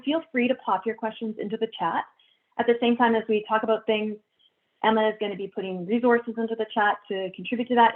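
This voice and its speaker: A woman moderating a panel discussion in a brisk, upbeat way, introducing guests. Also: a little high, narrow, tinny audio. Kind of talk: hosting a panel.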